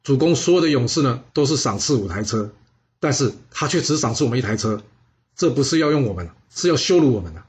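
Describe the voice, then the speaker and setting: A man's voice: medium pitch, animated, fast, natural voice. A man voicing a proud, defiant ancient warrior with an indignant tone. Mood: grave.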